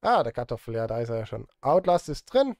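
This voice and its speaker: Speaking fast in a sing-song way, this man's medium-pitched, darkish voice carries some vocal fry. He's a Swiss live streamer and film composer in his thirties, casually chatting and self-deprecatingly muttering while working at an indoor streaming desk. There's no echo, and the sound is clean studio quality.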